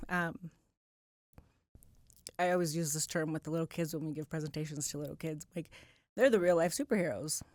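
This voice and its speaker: A woman's voice: low-pitched, no room sound. A woman guest on a podcast, talking about her outreach work in a heartfelt, emotionally open way. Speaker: police community outreach coordinator, guest. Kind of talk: casual interview conversation. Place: podcast studio.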